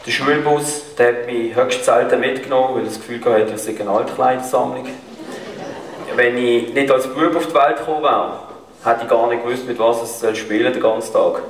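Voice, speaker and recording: A man playing a boastful, hapless Portuguese immigrant, delivering deadpan self-mocking one-liners on a carnival stage. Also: mid-range voice, normal speed, lightly acted. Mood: deadpan boasting. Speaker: comedian on stage. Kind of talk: carnival stand-up routine. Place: large carnival show hall. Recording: echoey hall, distant mic, crowd. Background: audience laughter.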